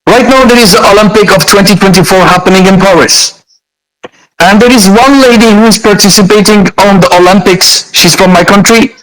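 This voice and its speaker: High voiced guy from algeria, kinda halting but heated. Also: fairly bright tone, rough recording. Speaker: caller.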